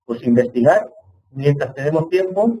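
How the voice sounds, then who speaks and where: A man's voice: fairly high pitch, animated, moderate pace, warm tone, husky, rough recording. A man attending an online Hebrew seminar, asking long winding questions and thinking aloud, on a computer mic. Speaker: seminar participant.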